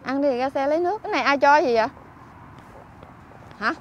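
A woman with a Southern Vietnamese accent, a vlogger chatting on the street who fusses, scolds and keeps exclaiming out loud. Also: high voice, brisk, muffled recording, a little hiss or hum. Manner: scolding and fussing, exclaims often. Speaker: vlogger helping homeless people. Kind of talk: casual on-street chat. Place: outdoors by a street.

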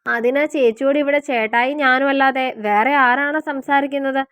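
A woman's voice: high voice, a little fast, clean tone, no echo, clean studio sound, close to an everyday voice. A woman voicing a chatty, curious young woman who teases her mother. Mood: teasing. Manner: curious, teasing.

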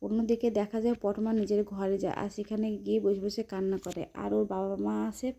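A woman's voice: medium pitch, flat delivery, quick pace, gravelly, mellow. Woman casually retelling a TV episode. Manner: loose, conversational, with repeated linking phrases. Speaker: serial recap narrator. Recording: dull lo-fi recording with faint background noise.

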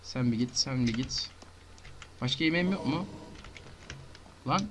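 A man giving casual commentary on his own gameplay, talking to himself and breaking into frantic shouting and rapid repeated words. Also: medium pitch, background noise. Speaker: gamer.

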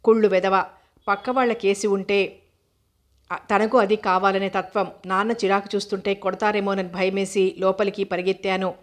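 Woman reading a story in a flat voice. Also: medium pitch, normal speed. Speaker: story reader. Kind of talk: first-person story narration.

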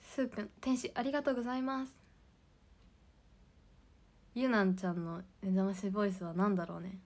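A woman's voice: mid-range voice, fairly even intonation, brisk, a little mellow. A young woman hosting a casual idol livestream, giggly and chatty as she reads out viewer comments.

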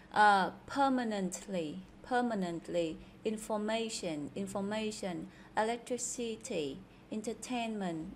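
A woman's voice: a little high, a little hiss or hum. Chatty Vietnamese woman teaching English. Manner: chatty, repeats words aloud for students. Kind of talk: casual explanatory lesson.

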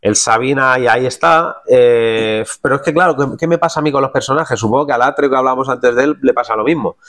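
Relaxed male impressionist chatting. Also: mid-range voice, quick pace. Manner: relaxed, colloquial, drops into impressions mid-sentence. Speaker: voice impressionist guest. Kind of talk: casual interview chat.

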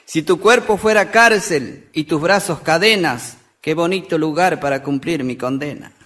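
A man telling quick jokes between songs on stage, acting out the characters and laughing at his own punchlines. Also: on the high side, noisy background. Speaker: folk comedian and singer. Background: music.

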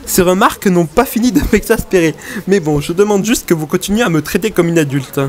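A man's voice: high-pitched, brisk, darkish tone, slight background noise, close to an everyday voice. A man reading aloud the lines of a touchy young woman mage who hates being called a child, in his own voice. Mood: huffy. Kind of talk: reading game dialogue aloud.

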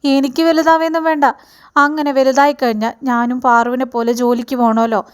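A little girl's high, chirpy voice, curious and innocent, as a woman narrator puts her on. She asks her questions in a bright, childlike sing-song. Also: level tone, fairly quick, clear, resonant tone, natural voice. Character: small girl, chirpy and innocent.

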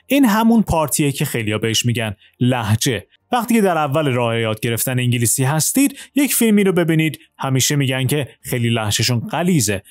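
A male English teacher giving a lesson, explaining quickly in Persian and reading English examples slowly and carefully. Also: mid-range voice, no room sound. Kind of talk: language lesson, switching between Persian and slow English.

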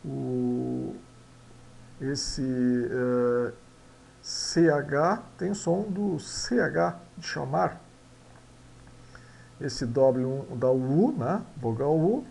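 A man's voice: mid-range voice, expressive, very slow, vocal fry, a little mellow. A man teaching English pronunciation, spelling out sounds letter by letter and repeating each word. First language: Portuguese. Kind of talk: slow pronunciation lesson.

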